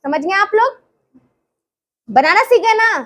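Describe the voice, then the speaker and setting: A woman's voice: very high-pitched, expressive, slow pace, a bit bright. A woman teaching a drawing lesson to a class, repeating each term and quizzing the students.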